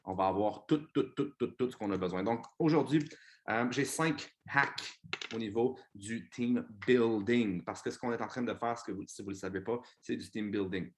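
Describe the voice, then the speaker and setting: Man, Québécois accent, low voice, energetic motivational coaching, slips in English and curse words. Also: normal speed, slight background noise. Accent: Québécois French. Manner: energetic, swears casually, mixes in English words. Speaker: team leader presenting to his business team.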